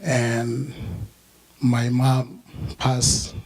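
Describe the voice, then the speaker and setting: A young man from the Congo, not a native English speaker, giving a halting personal remembrance at a memorial service with many fillers. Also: medium pitch, little pitch movement, darkish tone, poor audio. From Democratic Republic of the Congo.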